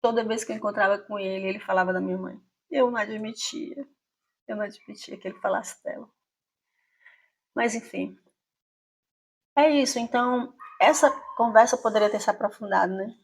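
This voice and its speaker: A woman's voice: mid-range voice, moderate pace, pauses often, husky. A woman in her fifties from Brazil, the host of her channel, telling a personal story in a reflective, conversational way and often asking "né?".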